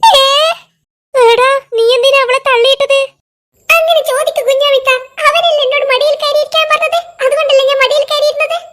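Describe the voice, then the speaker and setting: A voice actor playing a crowd of young cartoon schoolkids who chatter and squabble back and forth in a lively animated comedy. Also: extremely high pitch, brisk, slight background noise. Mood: bickering. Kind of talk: cartoon voice acting.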